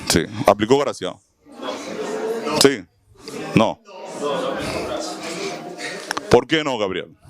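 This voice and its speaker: A man's voice: on the low side, animated, drawn-out words, long pauses, a crowd in the background. A man teaching a Bible lesson to a small audience, asking them questions and acting out little scenes. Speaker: preacher teaching a Bible class. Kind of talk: sermon-style Bible teaching.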